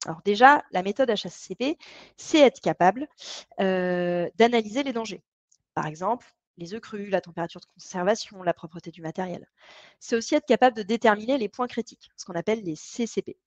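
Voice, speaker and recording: A woman of middle pitch leads an online training session. She explains things in a chatty, friendly-paced way, often pausing on fillers as she goes. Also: darkish tone, lo-fi sound. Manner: chatty and explanatory, with frequent hesitations. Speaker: co-founder and trainer.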